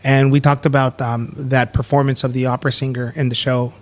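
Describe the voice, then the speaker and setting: A man's voice: medium pitch, little pitch movement, a little fast. A man co-hosting a podcast in casual chat, rambling with many fillers and restarts. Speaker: podcast co-host.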